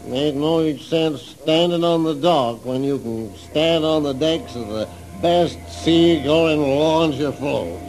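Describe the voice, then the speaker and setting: An actor playing a jovial, salty old fishing skipper with unhurried, bantering talk in an old-time radio adventure. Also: male voice, fairly high pitch, darkish tone, rough recording. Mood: hearty. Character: hearty old salty sea captain running fishing parties. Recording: old radio drama with music behind.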